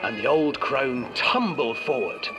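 A man reading a dark fairy tale as a storybook narrator in a game, in a measured, theatrical delivery. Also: medium pitch, animated, natural voice. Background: music.

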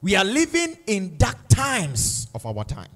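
Slow, emphatic male preacher. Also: high-pitched, huge pitch swings, a bit bright. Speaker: pastor. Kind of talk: sermon. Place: church.

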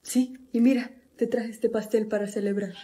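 A woman's voice: a little high, fairly even intonation, moderate pace, warm tone, lightly acted. A woman playing a lovesick young man who keeps pleading with the girl he adores. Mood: sweet-talking. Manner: pleading, persistent.

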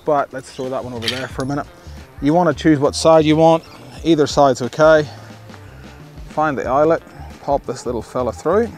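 A middle-aged man with an Australian accent talks through camping gear in a casual, excited way, trailing off and starting over. He is recorded on a lapel mic out in the open at a campsite. Faint music plays softly behind him. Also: mid-range voice. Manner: enthusiastic, chatty, restarts often. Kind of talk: casual outdoor product review. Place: outdoor campsite among trees.

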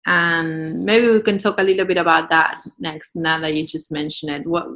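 A middle-aged woman hosts a video-call interview from home. Her low voice has a gravelly fry with a bright, edgy tone. She gushes praise and leans on fillers. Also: fairly even intonation, normal speed. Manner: warm effusive praise, filler-heavy. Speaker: host. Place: home room. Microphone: laptop on a video call.

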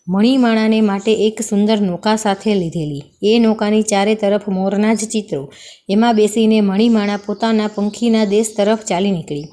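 Woman telling a folk tale, mellow voice. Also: mid-range voice. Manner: expressive storytelling, voicing characters' lines. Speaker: storyteller. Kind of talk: reading a folk tale aloud.

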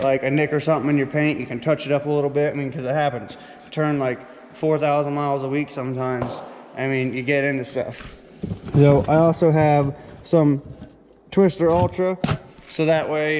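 A trucker vlogger with a fairly high, slightly mellow voice shows off his gear in a chatty, slangy walk-through. He films on a handheld camera on a small tripod with no foam cover, so the audio is reverberant and noisy, with handling clicks.

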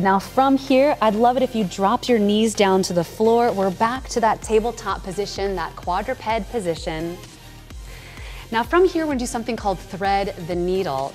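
Woman trainer, thirties, mid-pitched, encouraging yoga cues over faint music. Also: a little mellow. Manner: encouraging, upbeat cueing. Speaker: fitness trainer. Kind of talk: guided yoga instruction. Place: large indoor home gym studio.

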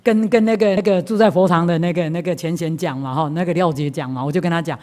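A woman with a Taiwanese accent giving a Buddhist talk, telling a personal story in a lively way with laughs, repeats and frequent asides to the audience. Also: lowish voice, quick pace. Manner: lively anecdotal telling, laughs, repeats herself, asks "you know?". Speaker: Buddhist lecturer. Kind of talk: storytelling sermon.

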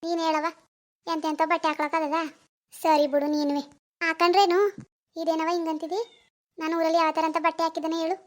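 A woman voicing a caring, middle-aged village mother in an animated cartoon, coaxing and scolding her daughter. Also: extremely high pitch, a little fast, long pauses.

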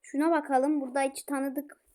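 High-voiced excitable woman gamer. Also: moderate pace. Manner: excitable, shouting at players. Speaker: gaming streamer. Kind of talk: live football game commentary.

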